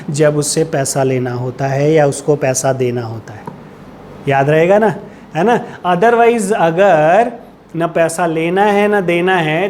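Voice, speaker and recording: A man's voice: on the high side, a little mellow, a little hiss or hum. A man with an Indian accent giving an accounting lecture, patiently restating each point and asking rhetorical questions to check understanding. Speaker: accounting teacher. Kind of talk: classroom lecture.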